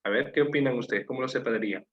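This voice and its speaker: A man's voice: medium pitch, rapid-fire, fairly bright tone, roomy sound, lo-fi sound. Peruvian man teaching a class online. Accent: Peruvian Spanish. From Peru. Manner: asks students questions, patient and explanatory.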